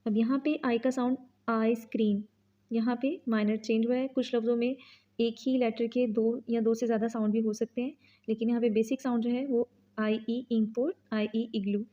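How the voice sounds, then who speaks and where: A woman with a fairly high, mellow voice gives a phonics lesson, slowly sounding out each letter and its example words. The recording is dull and lo-fi. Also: fairly even intonation. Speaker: teacher.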